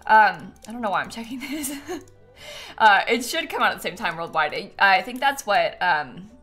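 A young adult woman streams games from a small indoor room at home, talking casually with viewers and giggling at her own expense, mouth close to the mic. She speaks at normal speed in a mid-range voice with lively intonation and a slightly bright tone, with game music audible.

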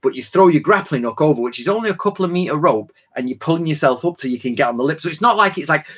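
A man's voice: on the high side, lively intonation, rapid-fire, a bit bright, slightly rough. Man, forties, hosting a live Q&A; talky, tangent-prone, loose slangy delivery. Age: 40s. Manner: rambling, chatty, jumps between tangents; informal slang and frequent fillers. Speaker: host of a live Q&A stream. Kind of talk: casual live-stream Q&A lecture.

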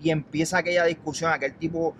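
Animated Puerto Rican man telling a story. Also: on the high side, quick pace. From Puerto Rico. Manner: animated, calls the listener papi, acts out quotes. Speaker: guest, chef. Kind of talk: casual storytelling. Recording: noisy background.

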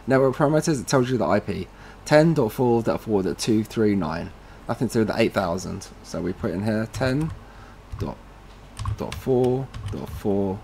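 There's a slight hiss or hum behind this man as he presents a relaxed, step-by-step tutorial, narrating each step informally as he goes. His voice is fairly low, slightly husky and darkish.

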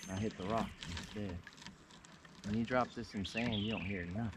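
Out on a river in his kayak, a vlogging angler chats in relaxed slang at a normal speed, his lowish voice steady in tone. Heavy background noise fills the recording from the action camera mounted on the boat, which sometimes sounds far away.

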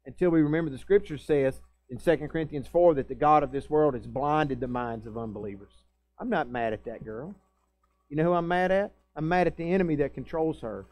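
A man preaching a sermon to his church, pleading and earnest, rising to loud scripture readings and dropping to quiet asides. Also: on the high side, brisk. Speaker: pastor. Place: church sanctuary.

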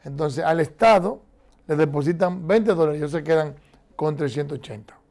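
A middle-aged political commentator argues emphatically in a TV studio debate, animated and gesturing a lot with his hands. His voice is a little high, with vocal fry, at normal speed.

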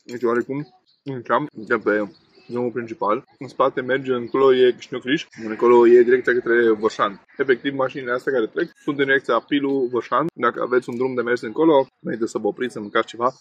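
Sitting at an outdoor table by a main road, a Romanian man in his thirties reviews food for his vlog, his mid-range voice slightly rough and the recording muffled. Relaxed and chatty, he uses lots of fillers between bites. A camera on the table in front captures him, with faint road noise, passing traffic and outdoor ambience around.

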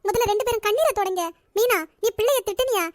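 A woman's voice: extremely high pitch, fast, no room sound, studio quality. A woman voicing a bossy, concerned older woman who heads a family in a cartoon, questioning and commanding, with a Nagercoil Tamil accent. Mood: probing.

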